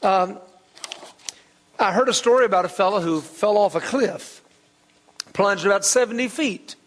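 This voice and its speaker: A man preaching a sermon as pastor, telling folksy stories and slowing down to stress key words. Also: sits high, big-room sound. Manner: folksy storytelling, slows for emphasis.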